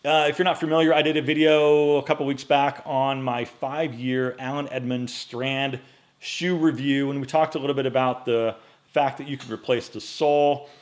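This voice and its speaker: A man in his late forties answering viewer questions in a casual vlog, relaxed and chatty with frequent fillers, recorded on a microphone in front of him in a home studio. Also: mid-range voice, normal speed. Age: 40s. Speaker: men's style YouTuber.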